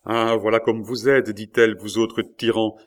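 A man reading an audiobook who voices a tender, hurt young woman in a raised, emotional pitch. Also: level tone, moderate pace, lightly acted. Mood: teasing.

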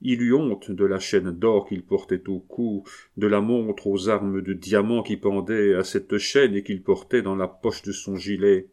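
A man narrating a novel as an audiobook in a measured, storytelling way. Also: on the low side, steady tone, darkish tone.

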